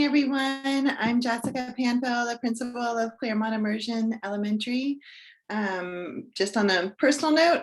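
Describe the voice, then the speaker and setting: Higher-voiced woman, composed principal. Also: low-quality recording. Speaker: school principal. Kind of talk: meeting introduction.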